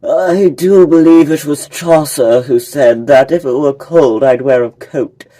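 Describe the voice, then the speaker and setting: A man's voice: fairly high pitch, a little slow, dark tone, lightly acted. A man voicing a pompous, lecturing bird who is confidently wrong.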